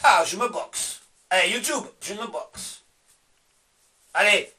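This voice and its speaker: A man's voice: sits high, slow pace, sharp tone, distant mic. Sarcastic Belgian man ranting from afar. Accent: Belgian French. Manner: sarcastic, swears, talks back to himself in asides. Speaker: vlogger. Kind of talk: casual ranting monologue.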